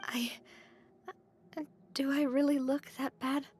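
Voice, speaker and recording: A woman's voice: sits high, flat delivery, slow, darkish tone, slight background noise. An actress voicing Navia, an earnest young female gang boss in a video game, talking sincerely and sometimes flustered. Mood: puzzled. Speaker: game character. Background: game music.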